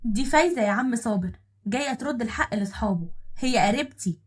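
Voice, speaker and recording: This is a woman voicing a dignified young mother in an audio story, calm and firm, measured in how she speaks. Her Egyptian Arabic is quick with a slightly husky tone. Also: fairly high pitch. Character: gentle, dignified young mother who forgives.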